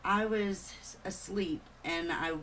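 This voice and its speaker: A woman's voice: mid-range voice, steady tone, slow pace, fairly bright tone, slight background noise. A woman on a podcast, explaining things hesitantly in casual chat.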